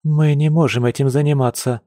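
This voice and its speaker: A man voicing a stubborn, sarcastic young woman in an audiobook, with sharp retorts. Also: a little high, normal speed, no echo, studio quality, pitched above the performer's own voice, lightly acted. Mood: upset, stubborn.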